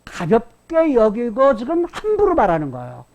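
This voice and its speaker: Woman pastor preaching, kinda high voice that jumps all over, keeps asking the church questions and repeating lines. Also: wildly swooping pitch, moderate pace, a little mellow. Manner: asks the congregation questions and repeats key phrases; dramatic voicing of quoted insults. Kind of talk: Sunday sermon.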